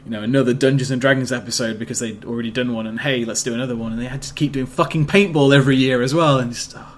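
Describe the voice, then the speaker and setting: A man's voice: mid-range voice, fairly even intonation, very fast. A man co-hosting a podcast, chatting casually and rambling with many fillers and restarts, a little sleepy. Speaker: podcast co-host. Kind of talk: casual chat. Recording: faint background noise.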